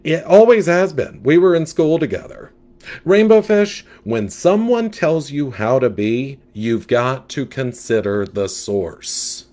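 A man putting on a flamboyant, gossipy male catfish from a storybook, higher than his usual voice and swinging through a very lively pitch. He talks with sassy, emphatic drama. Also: takes it slowly. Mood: sassy advising.

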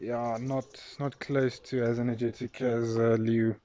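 A man's voice: medium pitch, level tone, unhurried, warm tone. Rambling South African man, phone selfie vlog. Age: 20s. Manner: rambling, filler-heavy and friendly. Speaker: vlogger. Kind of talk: casual vlog chat. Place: outdoors in a residential yard. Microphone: phone at arm's length. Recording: slightly dull phone recording.

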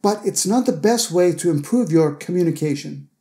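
Acting as a teacher, a man narrates a scripted English pronunciation lesson, sounding out example words slowly and carefully. His voice is a little high, animated and warm.

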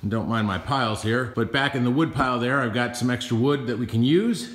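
With a fairly bright, medium-pitched voice and a fairly quick pace, a homestead vlogger in his thirties works and talks at once in a large indoor metal barn. He holds the camera at arm's length, hot and sweaty, joking about his skills in easygoing DIY chat.

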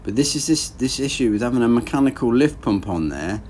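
Medium in pitch and fairly quick, a man in his thirties talks casually through his boat engine rebuild in a garage. A little hiss or hum accompanies his relaxed, plain-spoken thinking aloud as he works.

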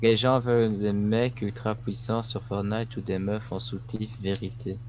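A man's voice: fairly low pitch, little pitch movement, measured pace, darkish tone, muffled recording, a little hiss or hum. A teenage male friend joining a live stream, talking casually and teasing his friend. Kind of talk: casual chat.

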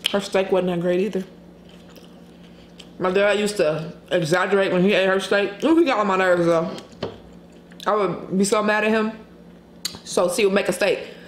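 A woman vlogger chatting candidly while eating on camera, pausing to chew and hum over her food. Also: mid-range voice, steady tone. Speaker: mukbang vlogger. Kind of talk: casual mukbang chat while eating. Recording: echoey room, faint background noise.

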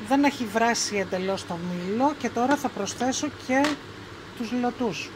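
A woman with a Greek accent hosting a home cooking video, calmly explaining each step in her kitchen. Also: fairly high pitch, background noise. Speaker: cooking show host.

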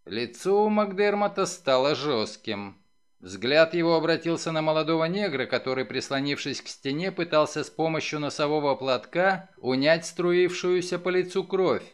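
Man reading an audiobook, dramatic, high-ish voice, pitch all over the place. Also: expressive, moderate pace, clear, resonant tone. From Ukraine. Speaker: audiobook reader. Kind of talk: scripted narration of a novel.

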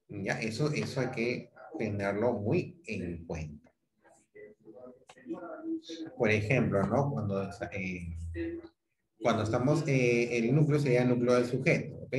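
A man with a Peruvian Spanish accent teaching a grammar class over a video call, explaining step by step and checking in with his students often. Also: mid-range voice. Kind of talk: online grammar lecture. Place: home room on a video call. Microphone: computer mic on a video call. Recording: echoey room.

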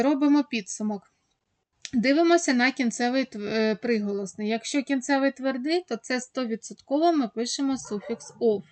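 A woman's voice: on the high side, no echo. A woman teacher giving a methodical grammar lesson, listing example words with occasional hesitation fillers.

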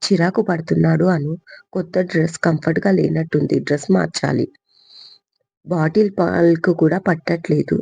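A woman's voice: sits low, steady tone, normal speed, gravelly, a little mellow, husky, heavily acted. A woman voicing an anxious, protective young mother in an audio story. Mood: worried. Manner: anxious, defensive. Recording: dull lo-fi recording.

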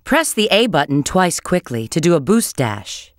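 Confident female bat treasure hunter, video game, knowing coaching tone, fairly low voice, dead-dry studio sound. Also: big pitch swings, moderate pace, dry recording. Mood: instructing. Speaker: game character giving hints. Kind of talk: game voice acting.

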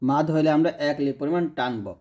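A man's voice: a little high, warm tone. Patient man teaching recitation. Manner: patient, repeats sounds slowly and drawn out. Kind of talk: tutorial lesson explaining letters.

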